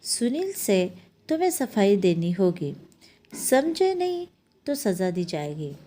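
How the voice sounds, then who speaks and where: Woman doing a bossy storybook night queen, judge, scolding; slow, lively pitch. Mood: stern. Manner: scolding, commanding. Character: stern female night queen acting as judge.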